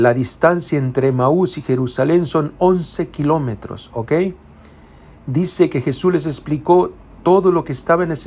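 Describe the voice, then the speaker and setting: A man's voice: on the high side, darkish tone. A man, a priest, giving an earnest homily and addressing the congregation as brothers and sisters.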